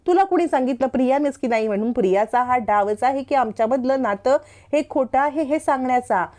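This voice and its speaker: A woman's voice: high-pitched, animated, a little fast, darkish tone. A woman voicing an earnest young wife who pleads and explains to her angry sister. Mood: pleading.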